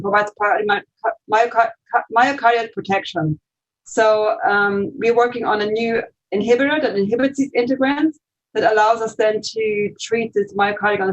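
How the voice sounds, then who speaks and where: A woman from Switzerland speaks as a guest scientist, explaining her research in a fluent, steady way. She talks from an office over a video call, and the audio has a dull, lo-fi quality. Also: mid-range voice.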